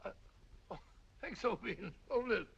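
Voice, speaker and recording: An actor playing a bluff, good-natured doctor and sidekick in a 1940s film, with a gravelly, hearty voice. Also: male voice, sits high, expressive, a little slow, heavily acted. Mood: chatty. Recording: dull lo-fi old film soundtrack.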